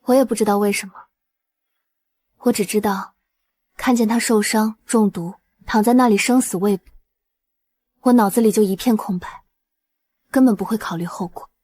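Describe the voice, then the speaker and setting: A woman voicing a devoted young healer who talks softly and earnestly. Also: medium pitch, normal speed, long pauses, husky, no room sound, close to an everyday voice. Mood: tender. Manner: soft, earnest and caring.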